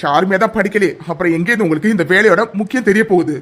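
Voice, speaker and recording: A man's voice: sits high, racing, a bit bright, a little hiss or hum. A man voicing a curt, arrogant young man. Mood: cold, dismissive. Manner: curt, lecturing, cold. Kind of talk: cartoon voice acting.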